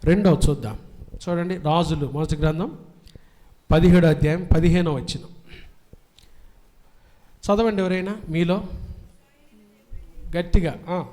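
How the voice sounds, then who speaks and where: A male pastor preaching a sermon, calling out questions for the congregation to answer aloud and swinging between loud proclamations and soft asides. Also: a little high, measured pace, long pauses.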